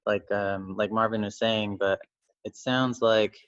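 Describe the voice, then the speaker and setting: Low, hesitant young man leading an online discussion. His voice comes through dull, lo-fi video call audio, and he keeps pausing with fillers and restarting his sentences. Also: steady tone, a bit bright. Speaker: workshop host.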